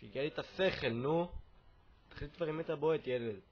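Excitable young man commenting on a game. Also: a little high, lo-fi sound, a little hiss or hum. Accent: Israeli. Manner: sarcastic, bursts into excited yelling. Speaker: gaming video host.

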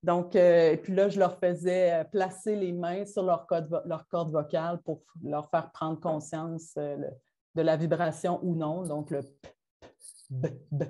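A woman's voice: fairly low pitch, little pitch movement, dark tone. A woman with a Quebec French accent, a teacher presenting her classroom methods to colleagues in an informal, hesitant way with many fillers and restarts. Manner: self-described rushing delivery.

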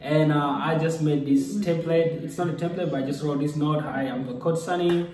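A young adult vlogger from South Sudan tells a personal story to the camera, wandering loosely and using lots of fillers. His voice is slightly high and a bit mellow, with a steady tone and normal speed. He's in a small indoor room with an echo, and the camera sits at desk distance, so he sounds far from the mic.

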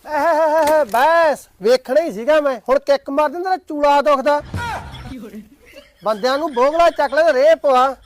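A man acting a pushy villager in hearty, loud banter for a comedy skit. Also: very high voice, a little slow, a little hiss or hum. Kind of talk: acted rural comedy skit.

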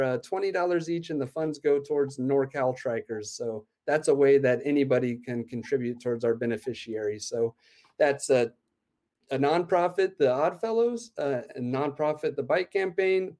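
An event organizer in his thirties, speaking with a medium-pitched, somewhat dark voice, gives an upbeat rundown of his plans, punctuated by plenty of "uh"s. The video call interview is captured on his laptop webcam at home.

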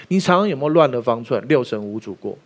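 Fast, lively male pastor preaching. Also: mid-range voice. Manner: emphatic, keeps asking the listeners questions. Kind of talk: sermon.

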